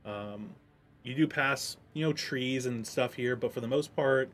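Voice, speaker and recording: A man narrating a tabletop game as game master, in a relaxed way with frequent ums. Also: mid-range voice, a little slow.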